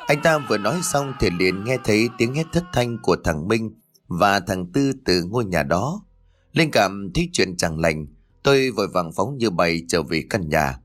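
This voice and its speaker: Low-voiced man narrating a horror story.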